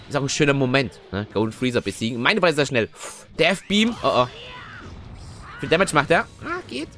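A young man giving chatty, excitable let's play commentary, often tagging his sentences with little questions. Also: mid-range voice. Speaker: gaming video host. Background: faint game music.

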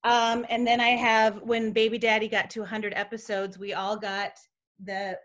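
A middle-aged woman chatting as a guest from home, telling lively stories and acting out the people she quotes. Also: fairly high pitch, moderate pace. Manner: lively storyteller who acts out quoted people. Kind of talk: casual chat.

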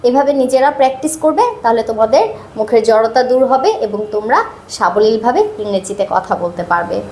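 A woman teaching a video lesson, speaking slowly and repeating sounds drill-style. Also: a little high, warm tone, reverberant, a little hiss or hum. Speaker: English teacher.

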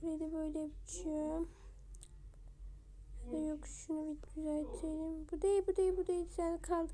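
A woman with a high but fairly flat voice talks her viewers through a building game in a casual, chatty way. Her tone is soft and mellow, and she drifts into quiet muttering as she works. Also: moderate pace. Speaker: game video creator. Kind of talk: casual gameplay commentary.

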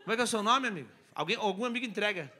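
A man from Brazil doing stand-up crowd work, teasing the audience loudly on a comedy club stage. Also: sits high, lively intonation, rapid-fire. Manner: teasing, loud, jokey banter with the audience.

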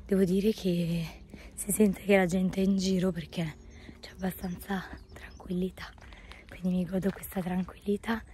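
Woman, thirties, hoarse voice giving out, soft mellow tone, casual vlog chat, phone at arm's length, noticeable background noise. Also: lowish voice, fairly even intonation, moderate pace. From northern Italy. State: hoarse, losing her voice, partly breaking into whisper. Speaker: daily vlogger.

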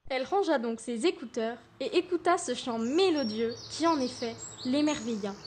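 Young female narrator for a class storybook, high pitch, steady reading. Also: moderate pace, slight background noise.

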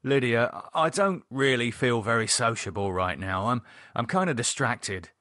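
A man's voice: mid-range voice, animated, normal speed, sharp tone, no echo, clean studio sound. A man voicing a reluctant young guest, hesitant and stammering. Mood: uneasy.

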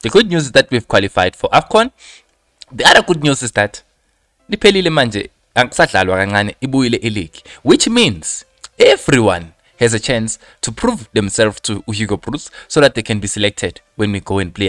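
Deep-voiced young South African man. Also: very animated, normal speed, fairly bright tone, no room sound, studio quality. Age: young adult. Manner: conversational, addresses viewers as friends. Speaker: football news presenter. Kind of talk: casual football news update mixing English with Zulu. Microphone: handheld microphone close to the mouth.

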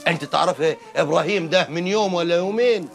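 Brief: gravelly uncle, high-pitched for a man, scolding gently. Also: quick pace, soft background music. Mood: placating. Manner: placating, scolding. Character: gruff uncle trying to calm his niece.

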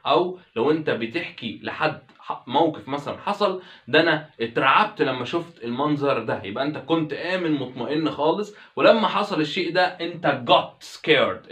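A man with an Egyptian Arabic accent teaching an English lesson, repeating each example slowly and clearly. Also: a little high, fairly bright tone, reverberant. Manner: slow drawn-out English examples, repeats phrases. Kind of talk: explaining language lesson.

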